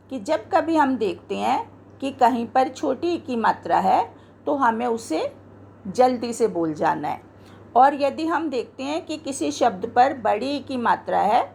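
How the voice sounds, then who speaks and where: A woman teacher walks through a grammar lesson at a very slow, deliberate pace, her voice fairly high with a gravelly edge. She explains step by step, pointing to the words she has marked. Faint noise sits under the recording. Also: very animated.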